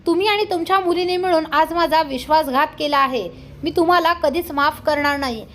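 A woman's voice: sits high, fairly quick, fairly bright tone, a little hiss or hum. A woman voicing an angry young man who blames his partner, read in a scolding, accusing way.

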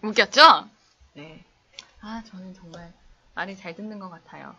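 A young woman runs a relaxed English lesson on a live stream, speaking at a moderate pace with a sharp tone over a little hiss or hum. She goes through viewer chat and laughs as she performs playful skits using exaggerated high voices.

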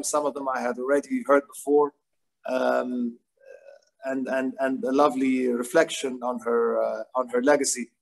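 A medium-pitched man in his forties, appearing as a guest, gives an informal remembrance of his grandparent on a video call, phrasing things hesitantly and thoughtfully. The audio is poor, coming through the call device's microphone.

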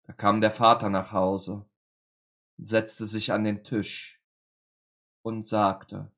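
Slow, deliberate male storyteller. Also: fairly low pitch, flat delivery, a bit bright. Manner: slow, deliberate, dramatic pauses. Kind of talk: dramatic fairy-tale reading.

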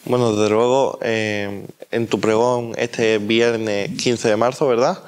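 A man's voice: on the low side, steady tone, slow, smooth. A young man interviewing on camera inside a church, with hesitant, wordy phrasing. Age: young adult.

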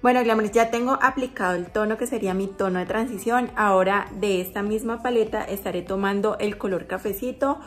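A woman's voice: medium pitch, fairly quick, few pauses, faint music behind. A woman vlogger talking through a makeup tutorial, chatty and explaining each step as she goes.

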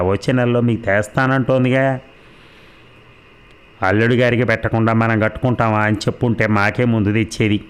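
A man's voice: medium pitch, clean tone, lightly acted. Give me a man playing a reproachful middle-aged mother in a storybook reading. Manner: reproachful, scolding. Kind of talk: audiobook character reading.

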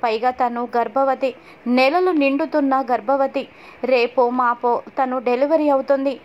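A woman's voice: high voice, fairly even intonation, measured pace, slight background noise. A woman voicing a worried, tearful middle-aged mother-in-law in a sorrowful lament. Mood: grieving. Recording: dull lo-fi audio.

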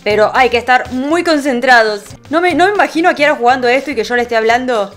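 A young woman giving excitable, chatty gameplay commentary to her viewers. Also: sits high, fast. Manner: excitable, chatty, addresses viewers directly, hums along with game sounds. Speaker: gaming channel host. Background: faint game music.

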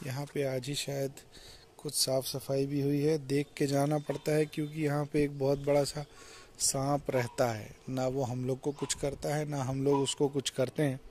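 A young man strolls through his garden holding the camera, talking in a relaxed, explanatory way. His delivery stays fairly flat and even. Faint outdoor ambience sits behind the voice. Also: mid-range voice, normal speed, slight background noise. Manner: relaxed, explanatory, mixes English words into Hindi. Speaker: vlogger giving a garden tour. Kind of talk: casual walk-and-talk garden tour. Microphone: handheld phone or action camera, point-of-view.

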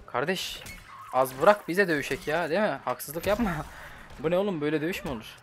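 Chatty Turkish young gamer. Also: male voice, fairly high pitch, lively intonation, a little fast, faint music behind. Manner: chatty, slangy, reacts loudly to the game. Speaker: gaming channel host. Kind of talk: casual gameplay commentary.

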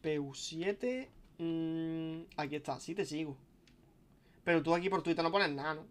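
A young man streams and chats on and on. His voice sits somewhat high for a man, and his sentences restart often and carry casual swearing. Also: measured pace. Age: young adult. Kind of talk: casual live-stream chat.

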